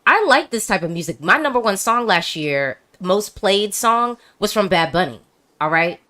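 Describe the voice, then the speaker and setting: A woman's voice: mid-range voice, sing-song, moderate pace, sharp tone. A woman hosting a casual video-call chat, talking emphatically with frequent restarts. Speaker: host.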